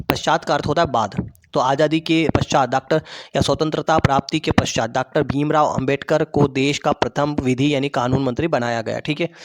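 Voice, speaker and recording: A man teaching an online school class, patiently explaining words and pausing so pupils can repeat them, with many restarts. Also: medium pitch.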